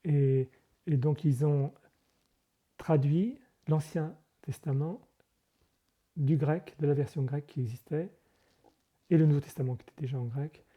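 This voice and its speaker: A man's voice: fairly high pitch, fairly even intonation, a little slow, pauses often, husky, muffled recording. A monk being interviewed, explaining things carefully and often hesitating, correcting himself as he goes. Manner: explanatory, hesitant with frequent fillers and self-corrections. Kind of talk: conversational interview.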